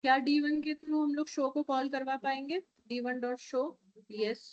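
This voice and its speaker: Speaking at a measured pace with a steady, high-sitting voice, an Indian-accented woman teaches programming as she codes live. She shifts between Hindi and English and coaxes her students with regular checks. The sound is dry and muffled.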